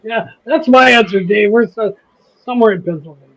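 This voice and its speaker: A man's voice: sits high, fairly quick, gravelly, a bit bright, rough recording. A man with a Midwestern accent hosting a casual livestream chat, rambling, restarting sentences and laughing easily. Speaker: host of a model railroad channel.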